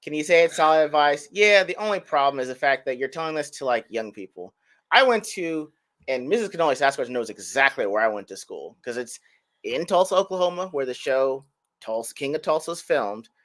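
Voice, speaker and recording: A man's voice: fairly high pitch, big pitch swings, fairly quick, fairly bright tone. A man in his thirties, a podcast co-host, telling rambling, self-mocking stories in casual chat.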